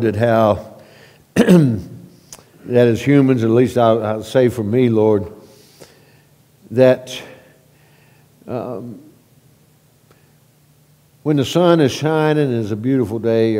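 Guy praying slow at a pulpit mic, mellow voice, long church echo. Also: medium pitch. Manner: halting with repeated words, swelling louder in prayer. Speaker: pastor leading prayer. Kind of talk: spoken church prayer and announcements. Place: church sanctuary. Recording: long reverb of a church sanctuary.

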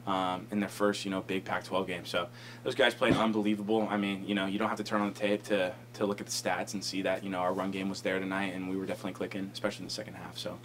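A man's voice: on the low side, a bit bright, a little hiss or hum. A young man, a college football lineman, answering reporters at a post-game press conference, rambling and full of fillers at a table microphone. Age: young adult. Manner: fast, rambling, many fillers like "you know" and "um". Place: press conference room, indoors.

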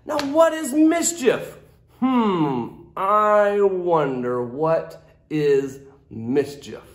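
This is a thirty-something man, a teacher and children's storytime host, doing an exaggerated, animated read-aloud of a picture book with playful comments to the kids. He speaks high and sing-song, drawing out his words, with a slight hiss or hum in the sound. The recording carries the spacious echo of the classroom he's in.

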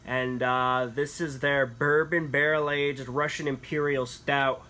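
Filmed in a small wood-paneled room at home, a young man casually reviews beer, commenting on each sip in a relaxed, enthusiastic way with frequent fillers. He talks at a measured pace with a medium pitch.

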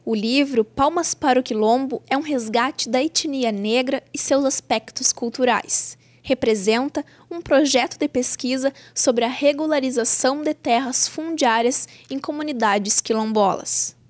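A woman's voice: high voice, a little slow, hardly any pauses. A young woman reporter reading a scripted news voice-over.

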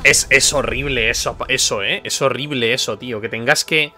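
Bright-voiced frustrated gamer, muttering. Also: male voice, medium pitch, normal speed. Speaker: gameplay commentator. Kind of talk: let's play commentary. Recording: faint music behind.

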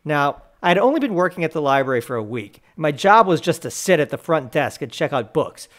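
Young guy, sarcastic deadpan rant, higher voice that swoops around, faint music under. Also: brisk. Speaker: animated storyteller.

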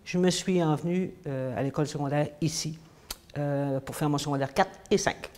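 A woman in her fifties, an English teacher with a Quebec French accent who grew up in the United States and then Quebec, answers interview questions in a small room against a plain wall. Her voice is low, mellow, and moderately paced, and she hesitates with many fillers.

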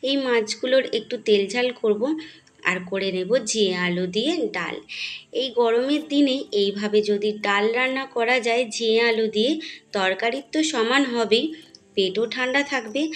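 A middle-aged woman narrating a home cooking and garden vlog. She chats with her viewers and calls them her friends. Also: on the high side. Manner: chatty, addresses viewers as friends. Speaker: home vlogger.

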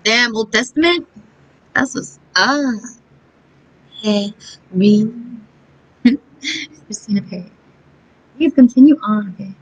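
High-voiced giggly young woman, slow chatter. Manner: chatty, giggly, talks to herself and her dog; slangy, playful. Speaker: livestreamer learning a song. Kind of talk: casual live-stream chat while practicing. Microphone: phone or laptop mic for a live stream. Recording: dull lo-fi live-stream audio. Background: faint ukulele plucking.

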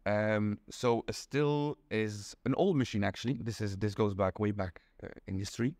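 Young Belgian man, guest; lowish voice, dry close sound, patient and methodical, filler-heavy explanations. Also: steady tone, normal speed, darkish tone, dry recording. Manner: patient, explains step by step with many ums. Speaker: interview guest. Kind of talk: casual explanatory chat. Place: small indoor room.

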